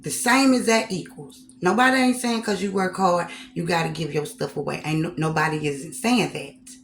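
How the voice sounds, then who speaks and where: A woman with a lower-set voice talks to her viewers while she eats on camera. She keeps it casual and folksy, repeats her phrases and drifts into preachy asides. A faint hum sits under her voice. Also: normal speed, creaky. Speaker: vlogger.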